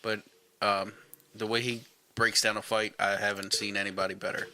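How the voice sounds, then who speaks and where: A man's voice: fairly low pitch, level tone, normal speed, noisy background. A man co-hosting a casual sports podcast, blunt and opinionated, swearing casually as he gives his takes. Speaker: podcast co-host.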